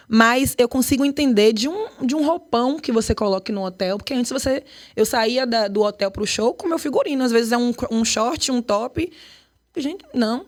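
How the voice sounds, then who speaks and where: A woman from Bahia with a Bahian Portuguese accent, a dance choreographer and artistic director speaking in a podcast interview with animated emphasis. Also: a little high. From Brazil, Bahia. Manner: animated, emphatic, lively storytelling.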